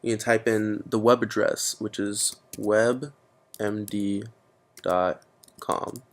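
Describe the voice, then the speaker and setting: A teenage boy talks through a screen-recorded computer tutorial in a casual way, filling his explanations of each step with frequent fillers. His voice is on the low side, level in tone, and slow.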